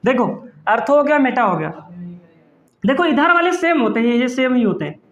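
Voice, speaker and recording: A man's voice: very high-pitched, sing-song, moderate pace, fairly bright tone, reverberant, lo-fi sound. A male chemistry teacher giving an online class, playful and teasing, calling his students "beta" and answering his own questions. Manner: calls students "beta" affectionately.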